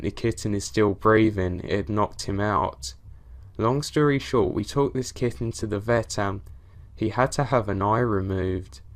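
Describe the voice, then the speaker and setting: Low-voiced man narrating horror stories. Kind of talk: scripted narration of reader stories.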